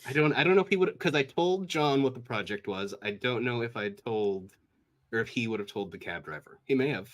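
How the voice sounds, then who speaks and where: A man's voice: medium pitch, lively intonation, a little fast, a bit bright. A man from Washington State with an American accent, telling stories as a guest in a casual interview, full of fillers and restarts. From Washington State, USA. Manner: rambling, filler-heavy, acts out quoted speech. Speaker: sound designer guest.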